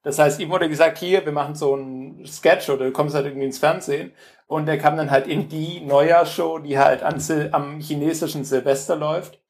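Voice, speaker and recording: A man's voice: fairly high pitch, fairly even intonation, brisk, vocal fry, a little mellow. A man co-hosting a podcast in casual conversation, hesitant and full of fillers. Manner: hesitant, many fillers, mimics other voices for quotes. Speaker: podcast co-host.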